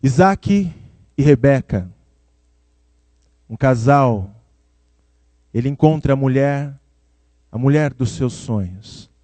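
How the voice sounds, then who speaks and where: A man's voice: mid-range voice, animated, slow pace, long pauses, dark tone, no room sound. A man with a Brazilian Portuguese accent preaching a sermon in a conversational way, speaking to his listeners by name. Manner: conversational, addresses listeners by name, acts out quoted voices.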